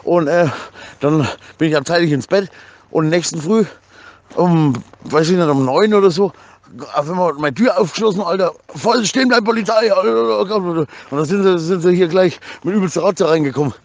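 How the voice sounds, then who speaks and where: A man with a high-pitched voice talks at normal speed in a casual but agitated chat. He rambles, stammers on repeated words, and uses slangy, crude swearing throughout his rant.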